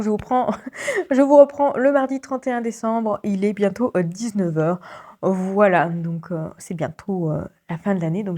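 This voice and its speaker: A young woman from Belgium talks casually to her viewers about her reading. She speaks at a middle pitch, with plenty of small hesitations, and she giggles often. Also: warm tone. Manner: chatty, many hesitations, frequent giggles. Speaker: book vlogger. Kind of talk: casual vlog chat.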